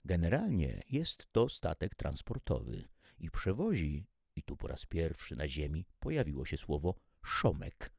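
Deep, gravelly male storyteller. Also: a little slow, no echo, clean studio sound. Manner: expressive, animated storytelling. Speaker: narrator. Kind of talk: audiobook story reading.

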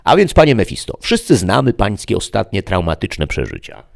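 A man's voice: on the low side, huge pitch swings, normal speed, creaky, voice pushed up, heavily acted. A man voicing a fat, pompous male demon who grumbles about modern books and pushes people around. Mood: eager. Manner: grumbling, then pushy and eager.

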